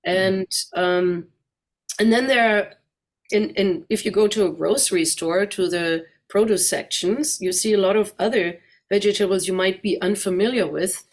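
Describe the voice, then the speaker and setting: A middle-aged woman with a German accent walks a club audience through slides at a moderate pace in a medium-pitched voice. She's a guest speaker with a chatty style who asks the listeners questions.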